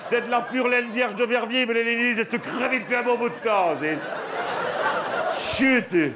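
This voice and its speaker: A man's voice: very high-pitched, normal speed, heavy background noise. A middle-aged man with a Belgian French accent doing a rambling stand-up monologue, chatting with the audience. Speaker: stand-up comedian. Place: theatre stage before a live audience. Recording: live show with loud audience laughter.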